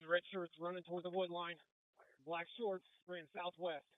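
A man's voice: high-pitched, level tone, normal speed, noisy background. Man on police radio, urgent callouts. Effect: police radio transmission. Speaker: police officer on patrol. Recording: tinny narrow-band scanner radio.

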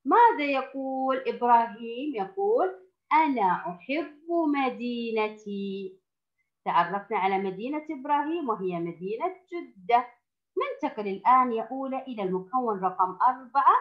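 A woman teaching first graders, who speaks slowly and patiently, stretches out the sounds she teaches and praises the class often. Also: a little high, lively intonation, dull audio. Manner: slow, patient, drawn-out sounds with frequent praise. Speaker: primary school teacher. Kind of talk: recorded classroom lesson for young children.

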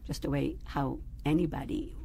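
A woman rabbi from Israel, a guest in an interview, tells personal stories in a low, gravelly, warm voice with flat delivery at normal speed. She comes across as thoughtful, searching for words with fillers, and faint background noise can be heard in the recording.

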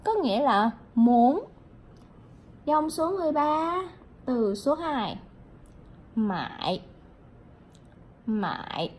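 A woman's voice: high voice, expressive, slow, pauses often, darkish tone, slight background noise. A woman from Vietnam teaching a vocabulary lesson, patiently repeating each word and explaining it. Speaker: Chinese language teacher.

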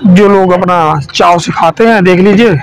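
A man's voice: high-pitched, steady tone, moderate pace. A man, chatting to viewers as he walks through an outdoor village market on a lapel mic. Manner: chatty, addresses viewers directly. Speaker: vlogger touring a market. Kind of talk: casual walk-and-talk vlog. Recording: crowd noise behind.

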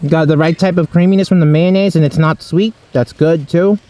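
A man's voice: fairly high pitch, steady tone, a little fast, dark tone. A man vlogging casually to camera outdoors at a beachfront table, chatty and playful, thinking aloud as he reviews food. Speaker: travel vlogger.

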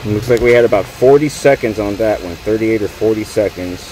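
Filmed on a close-held phone, a refrigeration technician casually walks viewers through a fault on a commercial rooftop, calling them "y'all." His low voice is brisk, relaxed and plain-spoken, and the low-quality recording is full of loud compressor and fan hum, machinery and traffic noise from the running equipment.

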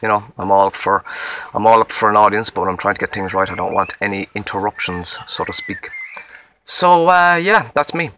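A young Irish man with a Limerick accent talks through a rambling, self-deprecating audition tape, recorded outdoors in the woods. His voice is low-pitched, yet bright and forceful in tone. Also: brisk, a little hiss or hum. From Limerick, Ireland. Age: young adult. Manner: rambling, self-deprecating, with many fillers and restarts. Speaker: acting auditionee. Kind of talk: casual self-introduction to camera. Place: outdoors in a wood.

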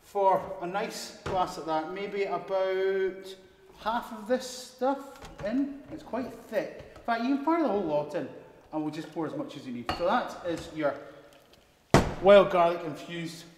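A man's voice: sits high, unhurried, darkish tone. A Scottish man demonstrating how to make a cocktail, talking casually and instructively with jokes. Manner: chatty, instructive, jokey. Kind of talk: live cooking demo chat. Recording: echoey hall, faint noise.

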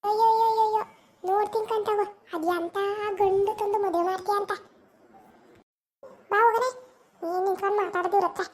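A woman's voice: extremely high pitch, steady tone, normal speed, pauses often, a little mellow. A woman playing a harsh, nagging middle-aged village aunt in a family skit, speaking with scorn. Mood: scornful.

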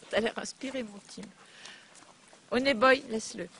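A woman's voice: fairly high pitch, moderate pace, fairly bright tone. A woman in a garden talking to dogs, cooing soothing baby talk and now and then scolding them sharply. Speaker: dog carer. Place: garden outdoors. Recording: noisy outdoor recording with dogs. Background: dogs barking.

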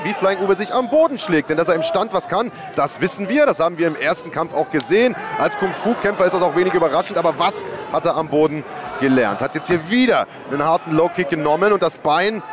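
A man leading live fight commentary in an informative way, stretching key words. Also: fairly high pitch. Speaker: lead commentator. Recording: loud arena crowd noise behind.

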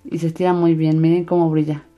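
A woman's voice: deep voice, flat delivery, quick pace, dark tone. A woman narrating a hands-on craft video for children in an enthusiastic, sing-song way. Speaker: host of a slime craft channel. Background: background music.

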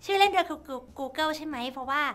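A woman's voice: sits high, brisk, fairly bright tone. A woman streamer chatting casually and reading fan lines aloud, giggly and playful, laughing often. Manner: playful, teasing. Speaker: virtual streamer.

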